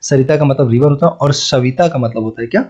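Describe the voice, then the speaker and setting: A man's voice: medium pitch, quick pace, darkish tone, husky. A male Hindi teacher with a north Indian accent going through exam questions, repeating each answer and quizzing the listener. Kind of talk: exam-prep lesson. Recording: dull lo-fi recording.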